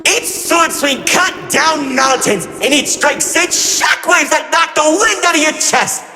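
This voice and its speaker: Playing a game's narrator villain, a gleefully cruel trickster, a man uses a very high, bright, forceful character voice and speaks a little slowly. His theatrical war stories are mocking, flippant, and melodramatic, veering from grandeur to glee, with an awed, dramatic mood. Music plays beneath echoey hall reverb.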